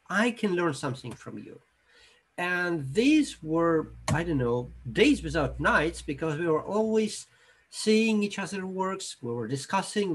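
Husky, higher-pitched Russian-accented man lecturing. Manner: halting, reflective, with non-native English phrasing. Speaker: iconographer giving a lecture. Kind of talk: informal illustrated lecture.

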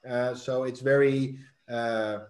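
A man's voice: mid-range voice, steady tone, slow, a little mellow, echoey room, slight background noise. A middle-aged man hosting a live online talk show over a video call, with many fillers and repeated words. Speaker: host. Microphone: webcam on video call.

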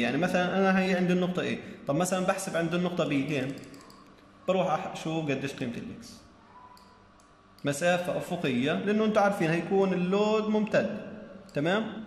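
Man lecturing in an echoey room. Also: on the high side. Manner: explains step by step, often checks with "تمام؟". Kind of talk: recorded engineering lecture. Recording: echoey room with long reverb.

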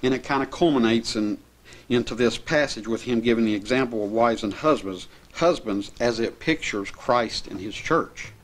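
A middle-aged preacher with a mid-range voice delivers a sermon into a pulpit mic in a small indoor church chapel. He reads scripture passages earnestly and steadily, then explains them at an even, measured pace.

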